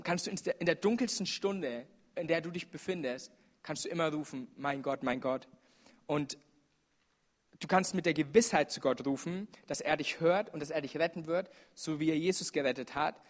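Man, preacher, sermon, slightly higher voice, earnest, urgent appeals, frequent fillers. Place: church service.

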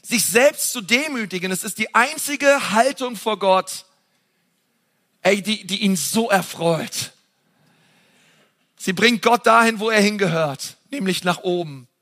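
A man preaching a sermon, passionate and emphatic, talking straight to his listeners in a casual way and swinging between loud and soft. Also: sits high, a little slow, long pauses. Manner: casual, direct address to the audience.

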